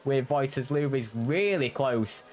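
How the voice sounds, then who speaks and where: A man commentating live on an online motor race in an excitable, effusive way. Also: mid-range voice, moderate pace.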